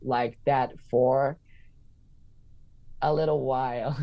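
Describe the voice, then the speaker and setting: Taking it slowly in a steady, mid-range voice with vocal fry, a man in his thirties who works as a comedian and teacher reflects on interview questions. He repeats himself as he hunts for words, and the recording's highs are cut off.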